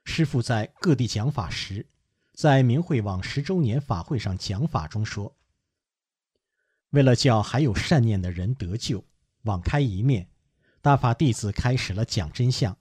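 A man reads a first-person account aloud in an earnest, measured way. His voice is slightly husky, and his pitch rises and falls a lot as he goes. The recording is close and dry, with no room sound. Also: animated, darkish tone, no echo.

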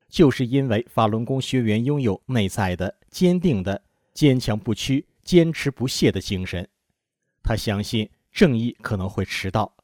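A man narrating a news report with a formal, steady delivery. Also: mid-range voice, dry recording, studio quality.

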